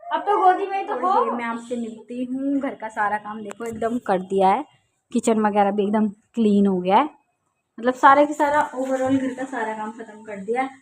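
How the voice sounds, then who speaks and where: A woman's voice: fairly high pitch, fairly even intonation, normal speed, a little hiss or hum. A woman and mother chatting casually to her viewers in a family vlog, talking straight to the audience and sometimes scolding her child in exasperation. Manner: chatty, addresses viewers directly. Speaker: vlogger and mother.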